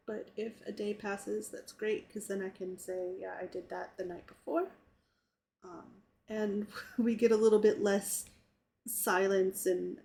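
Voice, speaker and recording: A woman casually recapping a tabletop game session in a relaxed, rambling way with fillers. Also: mid-range voice. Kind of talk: casual chat.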